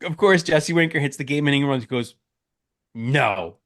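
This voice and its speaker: Man, 30s, casual podcast co-host, animated storyteller, dry close sound. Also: a little high, fast talker, no room sound. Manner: animated storytelling, acting out his own quotes. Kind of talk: casual chat.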